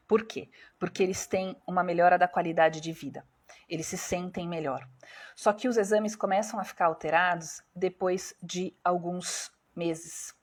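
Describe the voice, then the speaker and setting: A woman's voice: fairly low pitch, darkish tone, breathy edge. A woman with a Brazilian Portuguese accent, hosting a live stream as a doctor, explaining step by step and putting questions to her viewers. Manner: explanatory, asks viewers questions and answers them herself.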